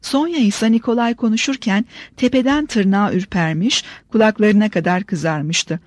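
A woman narrates an audiobook in a steady, measured voice. Her pitch sits in the middle range. The recording is dry, with no room sound. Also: no room sound. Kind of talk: scripted narration.

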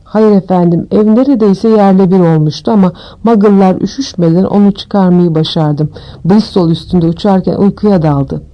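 A woman voicing Hagrid, a deferential gentle giant. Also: mid-range voice, normal speed, muffled recording, lightly acted. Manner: deferential, says sir often. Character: huge gruff tender-hearted male giant.

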